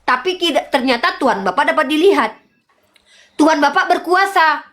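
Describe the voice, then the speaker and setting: A woman's voice: high voice, animated, moderate pace, fairly bright tone. A woman arguing in a heated debate, lecturing insistently and pressing the same questions again and again.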